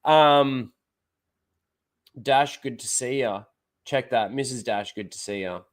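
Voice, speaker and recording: On his casual livestream, a stuffy-nosed young man drifts from topic to topic with lots of fillers, calling out names from the chat. He speaks slowly at a medium pitch.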